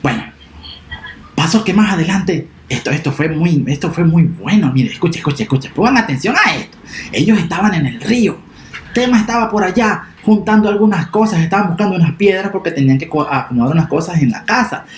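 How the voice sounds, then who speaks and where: Lively kids storyteller, voice jumps all over, echoey room. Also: medium pitch, brisk, a little hiss or hum. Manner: animated, expressive, talks to children directly. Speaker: children's storyteller. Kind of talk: children's story narration.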